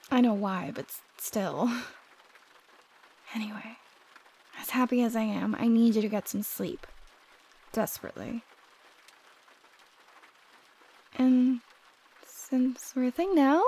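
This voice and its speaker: In an intimate ASMR roleplay, a woman plays a young roommate who is affectionate and shyly teasing, talking softly and frequently slipping into a whisper. Her voice sits a little high, and she sounds relieved and fond.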